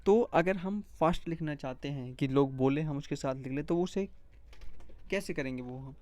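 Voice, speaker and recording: A teacher explaining a lesson step by step, speaking directly to the viewer and slowly repeating letter sounds one at a time. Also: mid-range voice, darkish tone, dry recording. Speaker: shorthand teacher.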